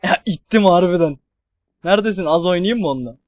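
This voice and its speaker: A young man streaming a horror game, swearing and yelling at the enemies on screen. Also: sits high, quick pace, no echo. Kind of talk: let's play commentary.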